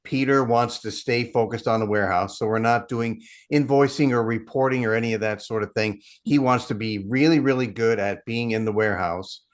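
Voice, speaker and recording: As an interview guest in a casual chat, a middle-aged head of partnerships explains things steadily, dropping in self-deprecating asides. His voice is medium in pitch, and he talks briskly with hardly any pauses.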